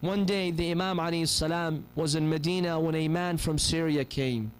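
High-voiced man preaching a sermon. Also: fairly even intonation, moderate pace, smooth, low-quality recording. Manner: impassioned storytelling, voices the people in his stories. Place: mosque hall, seated on a pulpit chair. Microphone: gooseneck microphone on a stand.

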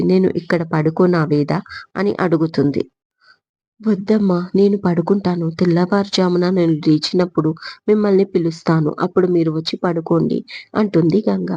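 A woman storyteller with a low, gravelly, mellow voice reads a romance aloud, giving every character's lines in her own plain voice. The recording is dry and close, with a dull, lo-fi sound. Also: dry recording. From India. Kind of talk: scripted story narration.

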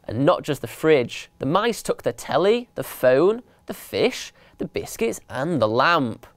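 A man reading a children's picture book aloud with an expressive, animated delivery. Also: a little high, measured pace, no echo. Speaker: storyteller.

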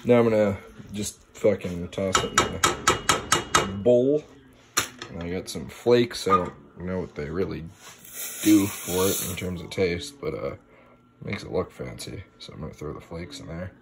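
A young man with a low voice and plenty of vocal fry rambles casually for a homemade vlog. He is laid-back and slangy, swearing freely. There is faint noise in the recording. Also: a little slow. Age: young adult. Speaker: food challenge vlogger. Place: at home, kitchen and small room. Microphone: handheld phone, later camera on desk.

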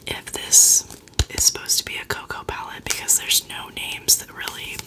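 A woman in her twenties whispering casual ASMR chat in a hushed, unvoiced voice, close to the microphone. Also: moderate pace. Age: 20s. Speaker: ASMR video host. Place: small dim bedroom, indoors.

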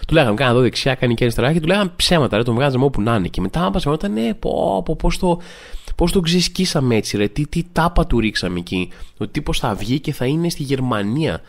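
Gravelly man telling comic stories. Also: mid-range voice. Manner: animated storytelling, mimics people in a raised voice. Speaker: podcast host. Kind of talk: comedic monologue.

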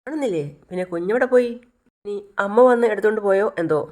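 A man voicing a worried young husband who fires off quick, exasperated questions. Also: sits high, pitched above the performer's own voice, lightly acted. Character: worried young husband, suspicious of his mother.

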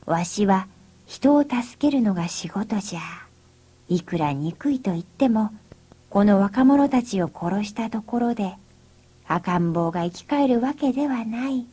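Woman doing a low, calm old priest. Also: husky. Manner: slow, low, measured, half-whispered.

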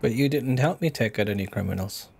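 A man's voice: mid-range voice, a little fast, gravelly, a little mellow, a little hiss or hum. A man giving casual, wry let's play commentary, heckling the game as he plays. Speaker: video game player commentator.

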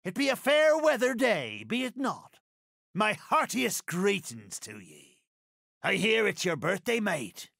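A man voicing a sly, grandly courteous pirate captain in a video game, gravelly, with theatrical, drawn-out archaic pirate speech. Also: high voice, huge pitch swings, fairly bright tone, no room sound, clean studio sound, full character voice. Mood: hearty, courteous. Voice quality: gravelly, creaky. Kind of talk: video game character voice lines.

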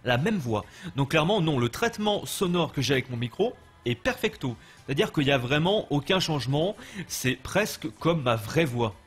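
Young French male streamer, chatty and loose, slightly high pitch, husky tone. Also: big pitch swings, normal speed. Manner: chatty, loose, answers chat, eating while talking. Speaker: gaming livestreamer. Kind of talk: casual live commentary while playing.

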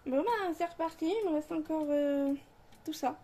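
A woman's voice: sits high, flat delivery, moderate pace, warm tone, a little hiss or hum. A woman in her thirties casually talking through a home cooking tutorial in her kitchen, chatty and full of fillers. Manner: chatty, many fillers, laughs at herself. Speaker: home cook vlogger.

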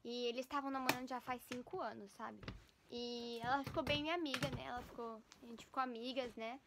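A woman's voice: on the high side, fairly even intonation, fairly quick, noisy background. A young woman vlogging casually at home, rambling with many fillers and sometimes slipping into baby talk for her cat. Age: young adult. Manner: chatty, rambling, full of fillers. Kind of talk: casual vlog chat. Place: at home, first kitchen then living room.

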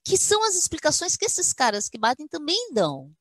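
A woman's voice: sits high, huge pitch swings, fairly quick, fairly bright tone, dry recording. A woman academic, telling stories in a webinar chat and acting out quotes in a firm motherly voice. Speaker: guest speaker, university academic. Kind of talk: webinar conversation, storytelling.

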